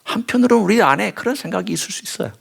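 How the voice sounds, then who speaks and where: A man's voice: high voice, rapid-fire, creaky, slightly rough. A male pastor giving a sermon, reading scripture and voicing bold, rising questions to God. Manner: animated preaching, voices bold questions to God with rising intensity.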